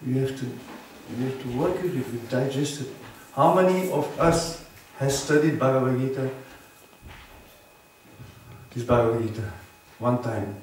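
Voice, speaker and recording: A man delivers an earnest temple sermon, checking in with his listeners through quick tag questions. His voice sits at an ordinary pitch and comes from well away from the mic. It rings through a very echoey hall over a faint background hum. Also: a little mellow, recorded from a distance. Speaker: temple preacher. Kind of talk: sermon on scripture.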